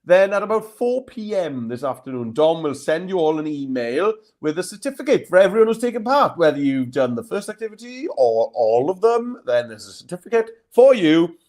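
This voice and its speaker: A man's voice: fairly high pitch, darkish tone. A Welsh man co-hosting a live lesson, explaining things casually with light banter.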